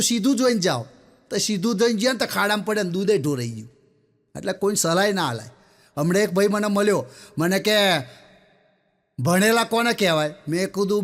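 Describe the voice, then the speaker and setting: A man's voice: sits high, a little fast. A man telling a string of comic jokes in a chatty storytelling way, often turning to address his listeners directly. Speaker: stand-up comedian. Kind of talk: Gujarati folk joke telling.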